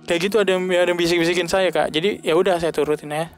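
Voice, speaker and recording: A young man giving an earnest, halting personal testimony as a podcast guest. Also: steady tone, faint music behind. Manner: earnest, halting, pitch rising when emotional.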